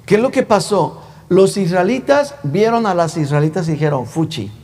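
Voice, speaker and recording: A male pastor preaches in a chatty, teasing manner, peppering the congregation with rhetorical questions. His voice sits fairly high, and a long reverb from the church sanctuary trails every phrase. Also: expressive, moderate pace, a little mellow. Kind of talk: sermon.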